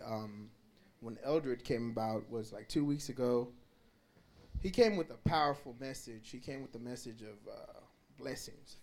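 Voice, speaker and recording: Man giving halting church testimony. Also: mid-range voice. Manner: casual, halting with fillers. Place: church sanctuary.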